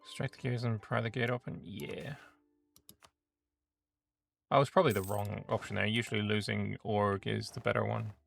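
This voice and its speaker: A man's voice: on the low side, steady tone, moderate pace, gravelly, long pauses, a bit bright, faint music behind. A man streaming a strategy game, thinking aloud in an offhand way and reading the event text aloud.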